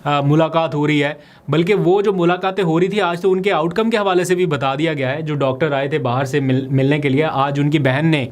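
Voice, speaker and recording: A man walks through the day's political news in a brisk, analytical vlog commentary. His voice sits a little higher than most men's, and he explains each point in a steady, matter-of-fact way. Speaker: political vlogger.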